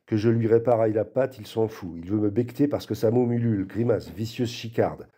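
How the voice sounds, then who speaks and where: A man giving an expressive literary reading aloud and acting out the quoted lines. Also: lowish voice, fairly quick. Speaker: reader.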